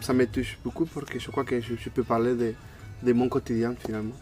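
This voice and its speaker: An Argentine man in his thirties, a native Spanish speaker, chats casually as an interview guest, hesitantly searching for words with a Spanish accent. His mid-range voice is level and fairly quick, with music playing in the background.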